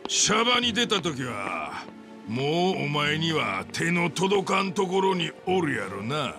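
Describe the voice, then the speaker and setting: A mean kansai yakuza boss for a game, slow, gravelly, sneering and bossy, pitch kinda high and all over. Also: male voice, sing-song, over music, full character voice. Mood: scornful, goading. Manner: mocking, deliberate, bullying. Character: scornful, domineering middle-aged male yakuza boss. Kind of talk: dramatic video game acting.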